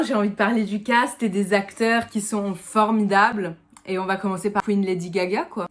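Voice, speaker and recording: A chatty young-sounding French woman talks through her opinion of a film as a casual video review. Her pitch sits in the middle of the usual range, and she drops the odd English word into her speech. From France. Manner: chatty, mixes in English words.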